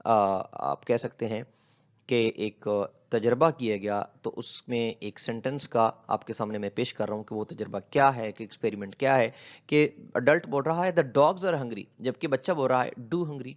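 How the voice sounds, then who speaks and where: A man delivers a linguistics lecture at a middle pitch, weaving English terms into his explanations. He poses questions and then answers them himself. The recording sounds a little dull and lo-fi. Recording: slightly dull lo-fi audio.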